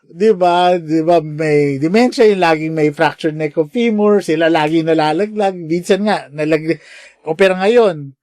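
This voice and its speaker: A middle-aged man from the Philippines, a nurse, telling animated anecdotes in a casual chat. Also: on the high side, a little slow, no room sound, clean studio sound. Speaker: podcast guest, nurse.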